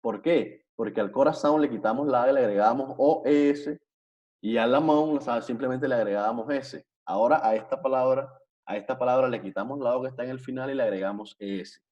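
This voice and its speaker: A man's voice: medium pitch, fairly quick, a little mellow, dull audio. A male teacher giving an online language lesson, explaining patiently, repeating himself and often checking that students follow. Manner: patient, repetitive, checks understanding with frequent tag questions. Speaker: Portuguese teacher.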